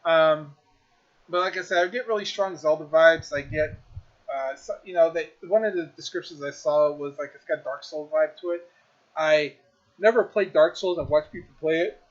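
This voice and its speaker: A man's voice: on the high side, normal speed, dull audio. A man casually reviewing a video game on his stream, rambling with lots of fillers and restarts.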